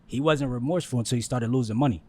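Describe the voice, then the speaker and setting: A man's voice: mid-range voice, rapid-fire, darkish tone, slightly rough. A man co-hosting a podcast, giving his blunt, insistent opinion. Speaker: podcast co-host. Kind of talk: casual chat.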